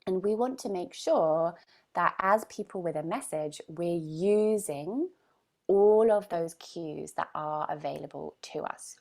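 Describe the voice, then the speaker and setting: A woman's voice: fairly low pitch, a little slow, gravelly, darkish tone. A woman coaching a group in a live online session, speaking emphatically and often checking in with "right?". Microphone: video call.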